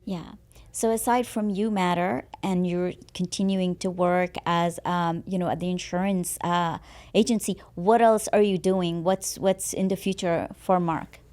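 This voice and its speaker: Woman podcast host, casual interview, affirming, somewhat low pitch. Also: fairly even intonation, unhurried, a little mellow.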